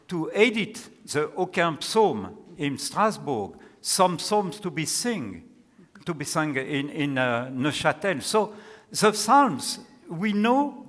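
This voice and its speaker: Male academic lecturer, French accent, fairly high voice, unhurried halting delivery. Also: a bit bright. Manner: deliberate, halting phrasing. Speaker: academic presenting a paper. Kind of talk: scholarly lecture and question answering. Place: large hall with an audience. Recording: echoey hall with long reverb.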